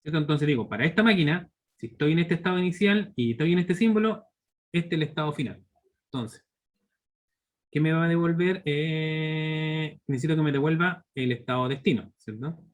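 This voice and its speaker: A man in his thirties with a Chilean Spanish accent, a university teacher, leads a live online programming class step by step, constantly checking in with students through tag questions. His voice is a little high, his pace moderate, and the recording sounds muffled.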